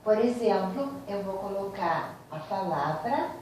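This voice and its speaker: A woman teacher, giving a slow, explanatory grammar lesson and speaking directly to her students. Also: medium pitch, lively intonation, a little mellow, distant mic, a little hiss or hum. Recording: very echoey room, voice from off mic.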